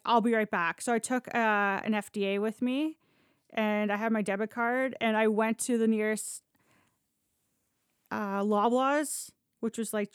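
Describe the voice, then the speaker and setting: This fairly high, clean-toned voice belongs to a Canadian podcaster spinning casual stories, frank and full of swearing, who frequently performs the dialogue herself. The sound is dry and studio-clean.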